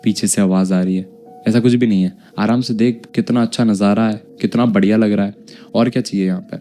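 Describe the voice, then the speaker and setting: A man's voice: lowish voice, steady tone, fairly quick, dark tone, soft background music, natural voice. A man voicing a fearless young older brother who brushes off worries and talks up a hidden chest, in a horror story. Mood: dismissive. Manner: dismissive, reassuring.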